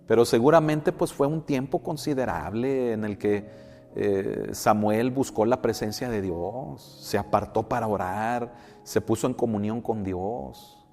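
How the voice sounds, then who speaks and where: A man's voice: lowish voice, a little slow, vocal fry, darkish tone, long reverb tail, faint music behind. A man preaching a sermon as a pastor, asking rhetorical questions and calling his listeners brothers. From Mexico.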